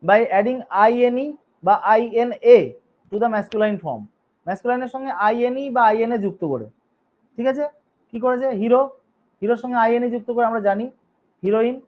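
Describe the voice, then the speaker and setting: A man's voice: extremely high pitch, normal speed, pauses often. A male teacher giving a grammar lesson. He spells words out letter by letter, reads each rule in English, explains it, and keeps checking in with his students. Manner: reads rules in English, then explains them in Bengali. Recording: dull lo-fi recording.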